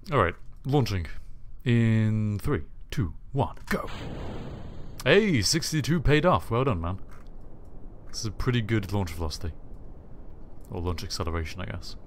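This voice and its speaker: A British man hosts a casual game live stream, joking as he plays. His voice sits very low. Faint keyboard typing is heard behind him. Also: slight background noise. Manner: jokey, quick to laugh. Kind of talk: casual live-stream chat while playing.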